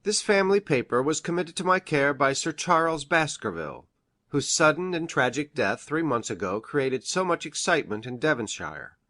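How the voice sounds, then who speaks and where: A woman performs a low-pitched male character for an audiobook: an eager, pedantic, eccentric country doctor and scientist with a lively, swooping delivery at normal speed. Earnest, effusive and formal, he is meticulous about exact wording and sounds solemn and precise.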